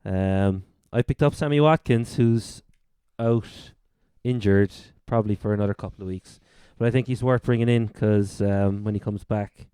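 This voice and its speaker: A man's voice: lowish voice, moderate pace, few pauses, mellow, clear, resonant tone, no room sound. A man with a Cork accent from Ireland, co-hosting a sports podcast and casually running through updates. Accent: Irish, Cork. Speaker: fantasy football podcast co-host.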